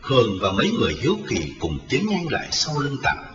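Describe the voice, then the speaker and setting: A man narrating a dramatic story, expressive in his storytelling. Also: mid-range voice, fast. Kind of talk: dramatic audiobook reading. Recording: roomy, lo-fi, distant, with music.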